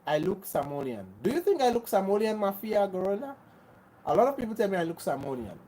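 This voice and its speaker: Fast and very animated, this mellow mid-range voice comes from a Grenadian livestream host replying to viewers in casual chat. He speaks earnestly and insistently, almost preaching, and often loops back to repeat or restart phrases.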